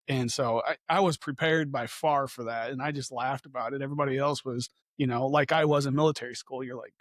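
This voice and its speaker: A man's voice: medium pitch, no room sound, clean studio sound. A man hosting a podcast interview in a casual, eager way. He often says "man" and laughs as he talks. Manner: eager, peppers talk with "man". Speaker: podcast host.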